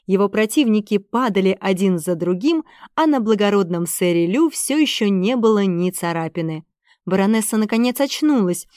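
Female narrator, expressive storyteller, dry close recording. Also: medium pitch, moderate pace, dry recording. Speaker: audiobook narrator. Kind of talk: scripted narration.

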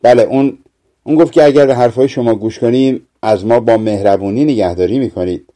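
A man's voice: medium pitch, dark tone, lightly acted. A man reading aloud, voicing a frightened young girl who speaks timidly and worriedly.

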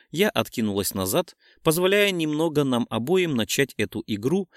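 A man reading a first-person romance novel aloud as an audiobook, in a smooth, lively narration. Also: mid-range voice, dry recording, studio quality.

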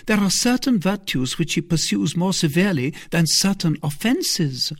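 In an audiobook character reading, a man voices a kindly, anxious convent abbess who asks questions earnestly and hesitantly. He raises his husky voice high above his own natural pitch into a sing-song, heavily acted delivery at normal speed. The recording is clean studio sound with no room noise.

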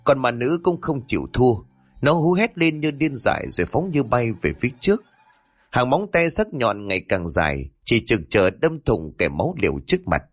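A man narrating a scripted horror story in a lively, dramatic storytelling manner. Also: medium pitch, normal speed, no echo, soft background music.

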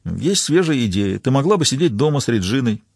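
A man voicing a worried husband who speaks in a quiet, weary, halting way in an audiobook. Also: medium pitch, very animated, vocal fry, no echo, studio quality.

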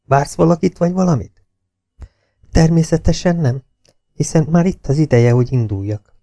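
A man voicing a young woman in an audiobook, raising his pitch for her lines. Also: mellow, no room sound, studio quality, lightly acted. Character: young woman, anxious but cooperative.

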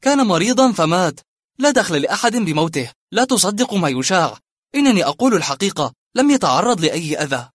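A man's voice: sits high, big pitch swings, fast, dry recording, studio quality, voice pushed up. A man voicing a bitter, scornful barber. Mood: defensive. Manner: scornful and defiant, raised emphatic delivery. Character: bitter, disillusioned middle-aged male barber. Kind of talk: dramatized audiobook reading.

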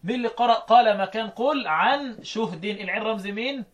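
A man with an Egyptian accent teaching Quran readings, explaining verses to a student, quizzing him often and reciting verses slowly. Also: high-pitched. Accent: Egyptian Arabic.

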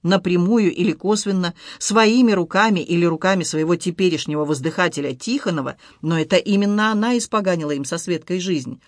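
An audiobook narrator reading a novel, even and unhurried. The voice is mid-pitched, and the recording is dry and close, with no room sound. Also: no echo. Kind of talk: scripted narration.

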